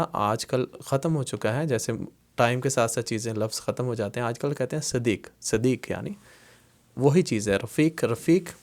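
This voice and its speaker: Man with teaching words real slow, repeats stuff, lots of "theek hai". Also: medium pitch, a little mellow. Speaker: Arabic language teacher. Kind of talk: slow explanatory lesson.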